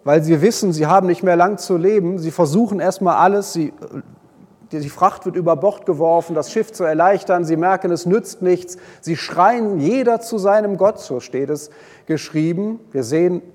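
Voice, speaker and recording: A man preaching a sermon, retelling a Bible story with lively swings between loud and hushed delivery. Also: high-pitched, moderate pace. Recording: long hall reverb.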